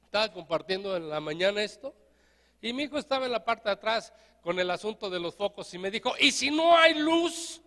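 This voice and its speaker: A Mexican-accented man preaches in a very high, bright voice, animated and jokey. He keeps getting the congregation to repeat lines back to him. The sound carries a long church-hall reverb. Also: fast talker. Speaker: pastor. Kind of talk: lively sermon.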